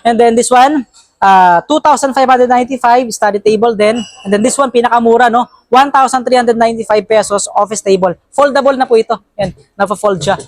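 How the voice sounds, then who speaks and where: Speaking a little fast in a fairly high, darkish voice, a Filipino-accented vlogger walks viewers through a warehouse sale inside a big indoor store. The recording is dry, and her manner is chatty and upbeat, full of tag questions.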